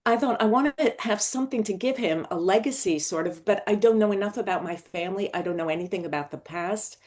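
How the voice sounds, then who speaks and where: An older woman from Morocco who writes novels and screenplays talks fast in a medium-pitched voice. She's a podcast guest recounting her story with lively energy and plenty of digressions.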